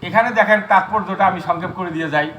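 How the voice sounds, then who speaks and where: A man's voice: high voice, fast talker. A man giving a religious discourse to a gathering, explaining his points through repeated rhetorical questions. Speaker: Gita discourse speaker. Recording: steady background noise with clicks.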